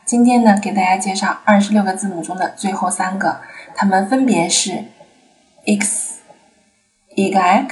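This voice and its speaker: A woman teaching a French alphabet lesson, patiently repeating each sound slowly for the learner. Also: fairly low pitch, darkish tone, slightly rough, poor audio.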